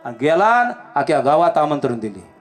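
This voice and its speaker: Man, Marathi kirtan preacher, fairly high voice, theatrical storytelling, loud and hushed turns, faint instrument music behind. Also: normal speed. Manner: animated, shifts between shouting and hushed lines, acts out characters. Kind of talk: devotional kirtan sermon with storytelling.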